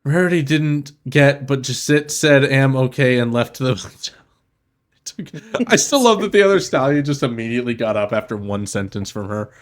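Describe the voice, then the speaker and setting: A man's voice: medium pitch, very animated, moderate pace. Man sarcastically reading fan fiction aloud. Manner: sardonic asides, laughing interruptions. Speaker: podcast host.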